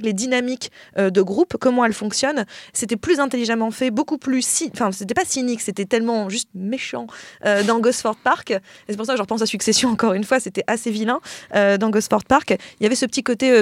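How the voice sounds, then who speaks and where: A woman's voice: fairly high pitch, dry recording. Woman, casual panel chat, hesitant, lots of fillers, dry close sound. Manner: hesitant, many fillers and restarts. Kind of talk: casual film recommendation chat.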